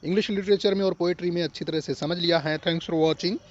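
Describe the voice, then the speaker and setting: A man teaching an English literature lesson, mixing Hindi and English, slowing down sharply on the English phrases and repeating points for learners. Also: fairly high pitch, steady tone, highs cut off, slight background noise. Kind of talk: explanatory lesson.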